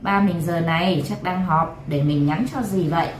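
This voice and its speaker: A woman's voice: on the low side, moderate pace, roomy sound, far from the mic, a little hiss or hum, lightly acted. A woman voicing a sulky, stubborn teenage girl in a read-aloud story, giving curt, sullen replies.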